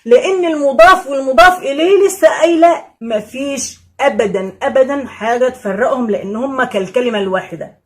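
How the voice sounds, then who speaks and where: Lively Egyptian woman teaching grammar. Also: high-pitched, a little fast. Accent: Egyptian Arabic. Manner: lively, repeats key points, answers imagined student questions. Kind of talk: casual classroom explanation.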